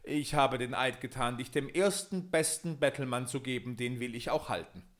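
A man's voice: mid-range voice, normal speed, fairly bright tone, close to an everyday voice. A man voicing a stern old king in a fairy tale, speaking firmly and commandingly.

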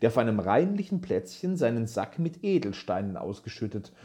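A reader narrating a fairy tale in a calm, measured way. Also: medium pitch. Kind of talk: storybook narration.

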